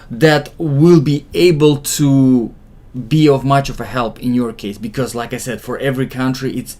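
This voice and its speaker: A man, an immigration consultant, gives casual, reassuring advice to viewers, with frequent fillers and restarts. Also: medium pitch.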